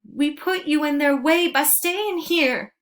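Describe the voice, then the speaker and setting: A woman voicing a gentle, frightened young soldier boy in a storybook, speaking in a pleading, tearful way. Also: fairly high pitch, unhurried, pitched above the performer's own voice. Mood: sobbing.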